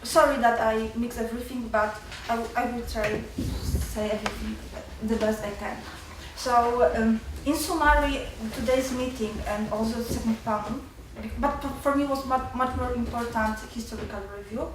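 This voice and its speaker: A woman in her twenties from Poland, speaking with a Polish accent, asks from the floor at a university seminar, stressed and nervous. She repeats herself and cuts words short in halting, unscripted speech, her tone steady and slightly high, heard faintly noisy and far off in a very echoey hall.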